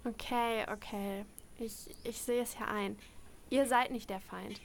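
A woman's voice: a little high, fairly even intonation, unhurried, gravelly, slight background noise. A woman voicing a torn young woman contestant who hesitates, repeats words and sometimes whispers. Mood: resolved.

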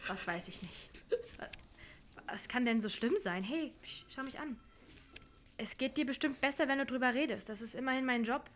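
A woman's voice: high-pitched, normal speed. A woman playing a soothing show counselor. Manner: soothing, steady, quiet. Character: calm production staffer acting as counselor.

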